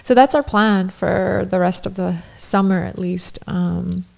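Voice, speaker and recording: Woman, 30s, medium pitch, vocal fry, chatty upbeat podcast talk, close studio mic. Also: measured pace, a little mellow. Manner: chatty, upbeat, laughs often, lots of "like". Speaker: podcast co-host. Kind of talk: casual chat. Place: living room at home. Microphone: studio mic on boom arm, headphones.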